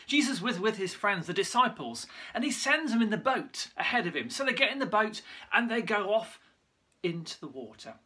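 A church leader giving a lively Bible story talk for online worship, using props and sometimes stumbling over names. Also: medium pitch, moderate pace. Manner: lively storytelling with props, loses track and corrects itself.

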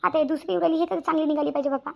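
A woman voicing cartoon characters in a fast, chatty, complaining way. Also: high-pitched, fairly even intonation, vocal fry. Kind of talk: Marathi cartoon voice acting.

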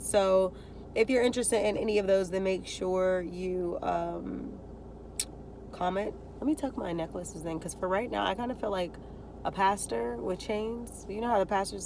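A woman's voice: medium pitch, a little mellow, a little hiss or hum. A young woman chatting casually to a phone camera on the dashboard while sitting in a parked car, rambling and upbeat. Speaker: vlogger. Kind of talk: casual vlog talk to camera. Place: parked car, indoors of vehicle.

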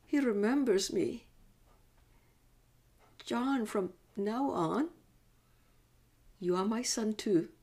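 A woman playing an anguished, devout middle-aged mother in a slow, emotive religious monologue, pleading as she grieves for her son. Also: mid-range voice, darkish tone. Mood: tender sorrow.

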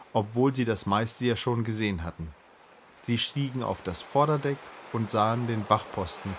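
Male audiobook reader, mid pitch, steady storybook narration. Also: slight background noise. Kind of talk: reading a children's book aloud.

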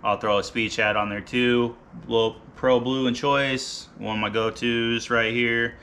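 A man in his thirties, a fishing vlogger, casually walking through his gear in a garage, relaxed and rambling with many ums and uhs. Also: medium pitch, unhurried, a little hiss or hum. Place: garage, seated by boat gear.

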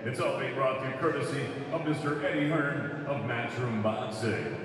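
A man announcing boxing from the ring like a lucha libre announcer, theatrical and formal, drawing out names in a booming showman delivery. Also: moderate pace, far from the mic, a crowd in the background. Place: boxing ring in an indoor exhibition arena. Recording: echoey arena PA, heard from afar.

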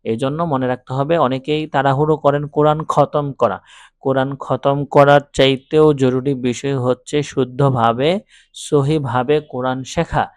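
A man teaching Quran reading, drawing out recited words slowly between calm, encouraging explanations. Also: mid-range voice, no echo, clean studio sound. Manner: slow drawn-out recitation between plain explanations. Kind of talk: recitation lesson.

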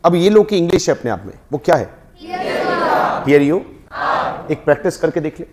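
A man's voice: a little high, lively intonation, normal speed, crowd noise, background noise. A man with an Indian accent teaching a spoken English class, prompting students to repeat words after him.

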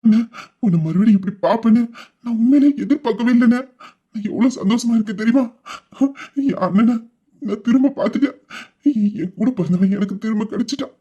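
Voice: medium pitch, a little mellow, husky, lo-fi sound, close to an everyday voice. A performer doing an overwhelmed tearful younger brother. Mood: overjoyed. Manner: tearful, rambling, breaking into laughs and sobs. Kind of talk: amateur Tamil audio drama.

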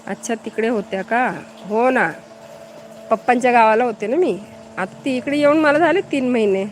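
A woman's voice: a little high, moderate pace, a little hiss or hum. A woman from Maharashtra hosting a live stream, chatting casually and answering viewers' comments as she greets them by name.

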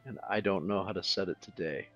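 A man talking through a game tutorial in a relaxed, casual way, thinking aloud with fillers as he clicks along. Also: low-pitched, fairly quick, breathy edge, lo-fi sound, faint music behind. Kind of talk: casual screen-recorded tutorial.

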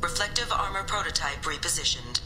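Stern security AI over a loudspeaker, low, clipped and formal, echoey game audio over music. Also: female voice, fairly quick. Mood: cold, stern. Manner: flat, clipped, formal announcements. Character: stern female station security AI. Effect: station loudspeaker announcement.

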